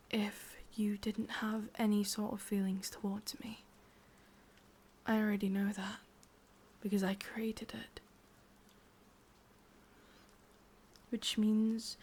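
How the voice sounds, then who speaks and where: An English woman whispers in soft, breathy tones with musing pauses, playing an ancient witch pining for love in an intimate ASMR roleplay. At a medium pitch, she sounds soothing and coaxing.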